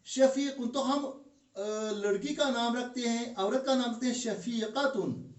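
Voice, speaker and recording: A man with a Kashmiri accent teaching Arabic grammar in a classroom lesson, drilling word pairs slowly with fillers. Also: extremely high pitch. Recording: echoey room, from far off.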